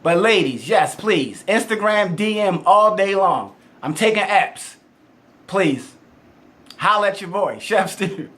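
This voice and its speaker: A man's voice: high-pitched, lively intonation, slow, a bit bright. A man with a heavy Baltimore accent, joking and boasting with frequent laughs in a casual casting interview. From Baltimore, Maryland, USA. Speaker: game show contestant hopeful. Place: casting room in Las Vegas.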